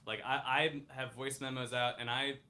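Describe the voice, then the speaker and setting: Bright-voiced musician in his thirties. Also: medium pitch, little pitch movement. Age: 30s. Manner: halting, restarts often, easygoing. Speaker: musician guest. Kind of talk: casual chat.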